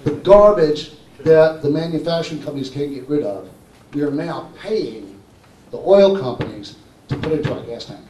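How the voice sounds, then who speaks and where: A man giving an animated conference talk who keeps checking in with "okay?" and "right?" as he presents his engine modification. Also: fairly high pitch, moderate pace, slight background noise. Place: conference hall. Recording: echoey hall, mic far off.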